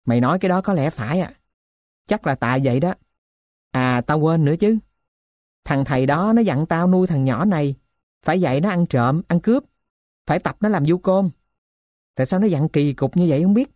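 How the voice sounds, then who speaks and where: A woman voicing a poor middle-aged male thief who tells his story in a rough, blunt way. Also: deep voice, expressive, fairly quick, long pauses, warm tone, dry recording, clean studio sound. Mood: gruff.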